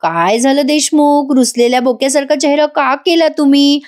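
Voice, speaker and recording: A woman's voice: fairly high pitch, moderate pace, a little mellow, close to an everyday voice. Playful young wife, as a woman puts her on. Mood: teasing. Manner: teasing, coaxing.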